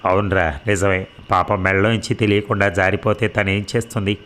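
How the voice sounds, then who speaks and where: A man reading the lines of a blunt, hot-tempered elder brother who works as a schoolteacher, in a low voice. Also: little pitch movement, fairly quick, a bit bright. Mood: warm, brotherly. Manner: blunt, scolding.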